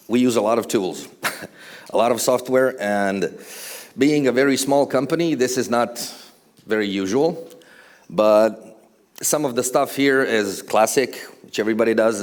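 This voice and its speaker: A man from Croatia, giving a casual, conversational conference presentation with fillers and dry humor on stage before a large audience. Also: medium pitch. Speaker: conference speaker, architectural visualization studio co-owner.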